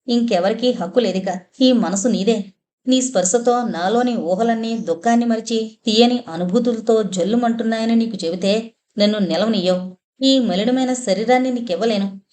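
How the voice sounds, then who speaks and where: A woman's voice: on the high side, warm tone, close to an everyday voice. Woman voicing a grieving young blind woman. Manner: tearful, pleading.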